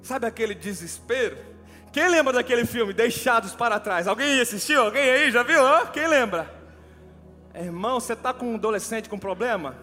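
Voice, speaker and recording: A man preaching a sermon, telling a personal story in an animated way and calling his listeners brother. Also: very high voice, normal speed. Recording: long hall reverb with faint music.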